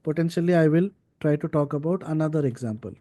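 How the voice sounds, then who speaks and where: A man runs an informal live coding class as a data science instructor, going step by step and punctuating with "right" and "okay." He speaks fast, in a slightly high voice with a dark tone.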